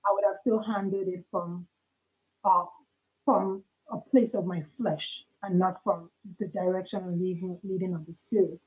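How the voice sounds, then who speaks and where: A woman's voice: lowish voice, fairly even intonation, moderate pace, darkish tone, slightly rough, rough recording. A young adult woman, a podcast guest, earnestly telling a personal faith story in conversation, acting out the dialogue as she recounts it.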